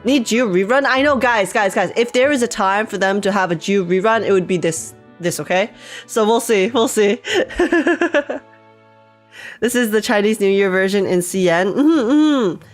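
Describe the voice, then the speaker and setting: Excitable chatty woman streamer, stuffy nose. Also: mid-range voice, moderate pace, soft background music. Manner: excitable, chatty, laughs often, repeats herself. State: stuffy nose, just woke up. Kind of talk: casual live-stream reaction chat. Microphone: desk microphone with webcam.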